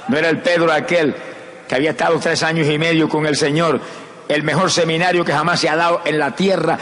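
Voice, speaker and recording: Fervent preacher man in a reverberant hall. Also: on the high side. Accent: Puerto Rican Spanish. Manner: fervent, swings between hushed sorrow and rising exclamations. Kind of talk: evangelistic sermon.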